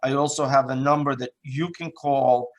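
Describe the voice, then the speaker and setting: A man of middle pitch chairs a town board meeting over a video call. He speaks in a plain, unpolished way, pausing often with fillers as he works through announcements. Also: fairly even intonation, muffled recording. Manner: plain, halting, many fillers. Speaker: town supervisor.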